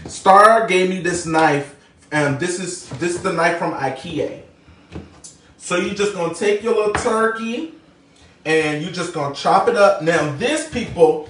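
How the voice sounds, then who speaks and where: A man's voice: high-pitched, noisy background. A man hosting a casual live cooking demo in his home kitchen, chattily greeting viewers by name and punctuating his steps with "bam.". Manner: chatty, keeps calling out to viewers by name, says "bam" and "people". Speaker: home cooking show host. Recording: roomy kitchen, distant mic, faint music.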